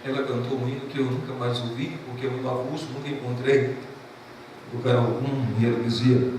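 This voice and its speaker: A man's voice: medium pitch, level tone, brisk. A male pastor preaching a sermon, passionate and emotional as he tells a story. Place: church sanctuary. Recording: echoey church from a distant mic, noisy.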